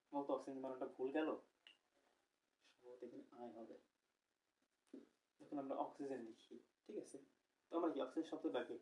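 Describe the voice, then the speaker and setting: A man's voice: fairly high pitch, darkish tone, recorded from a distance, low-quality recording. A young man teaching a recorded chemistry lecture, explaining step by step and asking the class questions, correcting himself as he goes.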